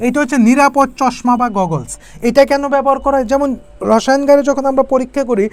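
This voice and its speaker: Woman, chemistry teacher, online exam-prep lesson, rapid delivery, asks rhetorical questions. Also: fairly high pitch, a little mellow. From Bangladesh. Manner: explains step by step, keeps asking students rhetorical questions.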